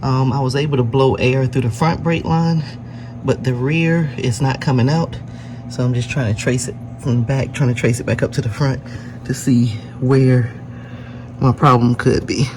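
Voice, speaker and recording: A man with a mid-pitched voice narrates a do-it-yourself car repair. He is casual and plain-spoken, going through the work step by step, and there is clear workshop noise behind him. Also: steady tone, moderate pace. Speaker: DIY car repair vlogger. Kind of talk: casual hands-on narration to camera. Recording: noisy workshop with vehicle-like background noise.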